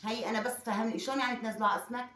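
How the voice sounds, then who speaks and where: A woman argues in a rush, her words tumbling out at a fast clip. She keeps pressing with insistent questions, and her voice rings around an echoey room. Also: on the high side, steady tone, sharp tone. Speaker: wife being pranked. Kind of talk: heated domestic argument.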